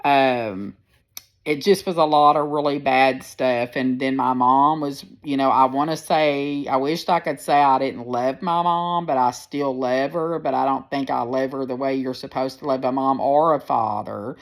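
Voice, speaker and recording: A personal vlogger in her sixties talks into her phone, telling her viewers casual stories about her life. Her deep, firm voice keeps a fairly even intonation and measured pace, and she speaks candidly and plainly, rambling a little.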